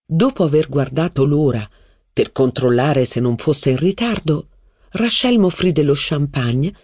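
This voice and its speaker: Husky, measured audiobook narrator. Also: medium pitch, dry recording, clean studio sound. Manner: even, measured reading.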